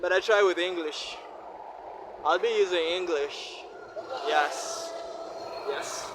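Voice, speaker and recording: A Ugandan man whose first language is Luganda films a vlog on a city street, his high-pitched voice moving slowly. His monologue is earnest, defiant and repetitive, with street noise in the background.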